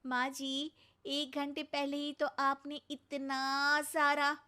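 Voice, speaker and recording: A patient young daughter-in-law in a cartoon. Her voice sits high and bright, polite yet exasperated, with a slow measured pace. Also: monotone, full character voice. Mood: pleading. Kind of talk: cartoon voice acting.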